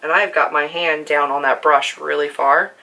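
Hoarse chatty woman vlogger. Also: deep voice, steady tone, normal speed, bright, forceful tone. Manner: chatty, filler-heavy, self-deprecating. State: hoarse from screaming. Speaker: beauty vlogger. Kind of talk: casual makeup demonstration.

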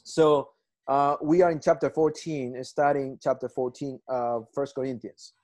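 Ecuadorian pastor teaching over a video call. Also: male voice, medium pitch, steady tone, moderate pace, darkish tone. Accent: Ecuadorian Spanish. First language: Spanish. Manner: earnest, repetitive, frequent restarts and "right?" checks. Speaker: pastor teaching a Bible class. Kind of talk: Bible study lesson on a video call.

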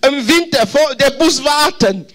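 Preacher, male, lively sermon delivery, storytelling with humor, high voice. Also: unhurried. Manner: animated, emphatic with repeated phrases; tells personal stories with laughter.

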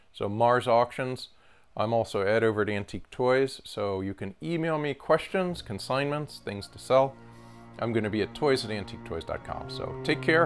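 A man's voice: mid-range voice, clear, resonant tone. A man in his forties, an antique toy dealer, walking through toy ships in a casual, enthusiastic way, with fillers. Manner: chatty, enthusiastic, many fillers. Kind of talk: casual product walkthrough. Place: indoor showroom with glass display cases.

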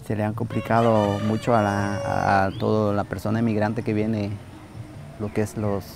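A middle-aged Salvadoran man with a low, gravelly voice recounts his life in plain, halting sentences, full of pauses and restarts. Clear music plays under him, and he sounds like he is on a lapel mic outdoors. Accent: Salvadoran Spanish. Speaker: migrant worker. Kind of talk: documentary interview testimony.

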